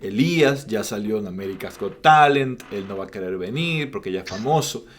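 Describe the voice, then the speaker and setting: A man's voice: fairly low pitch, expressive, moderate pace. A man, co-hosting a casual podcast chat, playful and storytelling. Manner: playful, storytelling, frequent "ujú" backchannels. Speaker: podcast co-host. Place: lives in Canada, remote call.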